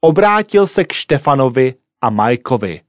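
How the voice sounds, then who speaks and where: A man reading a story aloud as a narrator, with clear, expressive delivery. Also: medium pitch, no room sound, clean studio sound.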